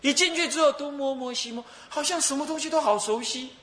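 A man's voice: very high voice, fairly quick, sharp tone, roomy sound, slight background noise. A man, a Buddhist abbot giving a sermon lecture, telling stories with humor, chuckling and acting out the people he quotes. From Taiwan. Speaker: Buddhist abbot teaching a sutra.

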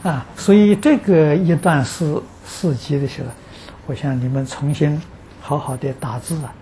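A man, a Buddhist teacher answering practitioners' questions, giving an unhurried dharma talk. He speaks earnestly and fills his pauses with drawn-out "ah" sounds. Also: on the high side, mellow, a little hiss or hum. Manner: peppers speech with drawn-out "ah" fillers; earnest, stresses that the account is true.

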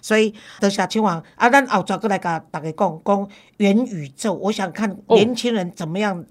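A woman's voice: mid-range voice, normal speed. A woman with a Taiwanese accent hosting an interview show in a casual, colloquial way, switching between Hokkien and Mandarin. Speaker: host.

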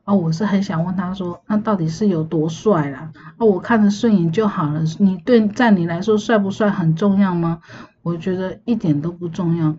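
A woman's voice: on the low side, a little fast, warm tone. A young adult woman with a Taiwanese Mandarin accent, hosting a solo podcast and ranting with rhetorical questions. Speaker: podcast host. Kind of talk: casual solo venting monologue. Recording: slightly muffled with faint hiss.

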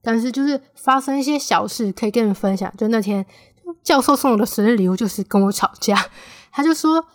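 A woman's voice: on the high side, fast talker, no echo, clean studio sound. A woman of twenty with a Taiwanese Mandarin accent, chatting casually as the host of her solo podcast. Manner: chatty, animated when quoting friends.

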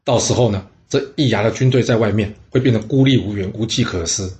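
A man's voice: lowish voice, fairly quick, a little mellow, close to an everyday voice. A man voicing a scheming male court official laying out a plan. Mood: urgent. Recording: roomy echo.

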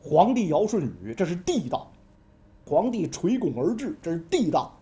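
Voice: mid-range voice, big pitch swings, moderate pace, warm tone, natural voice. A storyteller playing a wheedling scheming scholar-adviser. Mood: persuasive. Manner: fawning, wheedling, keeps asking "right?". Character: scheming ambitious male scholar-adviser, persuasive. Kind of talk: comic history storytelling.

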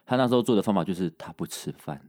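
Co-host, low-pitched man, rapid casual storyteller, dry close sound. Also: animated, a little mellow, dry recording. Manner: fast storytelling with mock quoted voices. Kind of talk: casual chat.

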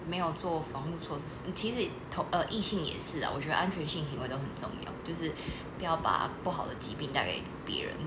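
A woman's voice: low voice, lively intonation, fast talker, few pauses. A woman co-hosting a casual podcast chat, talking emphatically in a lecturing way and laughing easily. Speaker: podcast co-host. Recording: echoey room with background noise.

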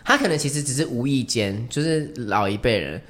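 A man chatting as a guest, telling family stories in a lively way and acting out what his relatives said. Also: medium pitch, fairly quick. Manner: lively, acts out family members' lines. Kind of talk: casual storytelling chat.

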